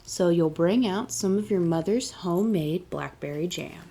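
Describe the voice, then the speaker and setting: A woman reading aloud as a children's storytime host, deliberate and expressive in her delivery. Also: on the low side. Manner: clear, deliberate picture-book reading with expressive emphasis. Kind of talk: read-aloud storytime narration.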